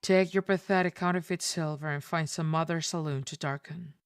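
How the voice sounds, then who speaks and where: A woman's voice: low voice, fairly even intonation, brisk, clear, resonant tone. A woman voicing a cool, menacing female gunslinger in a game, with a cold, clipped, threatening delivery. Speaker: game character.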